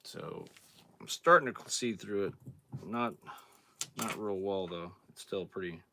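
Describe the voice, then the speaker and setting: Talking through a job in a casual hands-on demo, this outdoors channel host is relaxed and plain-spoken, thinking aloud as he works. His voice is low and hoarse, he clears his throat, and he keeps a measured pace against slight background noise.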